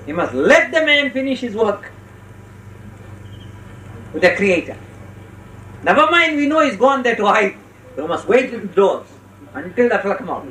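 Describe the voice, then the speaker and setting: A spiritual teacher giving a religious discourse with parables, speaking instructively and slowly in short phrases with deliberate pauses. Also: medium pitch, very animated, a bit bright. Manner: instructive, checks listeners' understanding. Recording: roomy, distant mic with faint noise.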